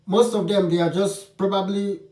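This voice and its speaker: Captured distant from the mic in an echoey room, a male vlogger with a high, mellow voice speaks at normal speed in a level tone. He gives his viewers frank, opinionated, casual advice to camera, often beginning his sentences again.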